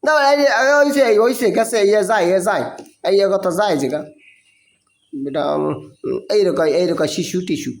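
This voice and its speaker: A man's voice: high-pitched, normal speed, pauses often. A man teaching a child to read, chanting call-and-response drills in a coaxing, teasing way. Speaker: madrasa teacher. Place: classroom.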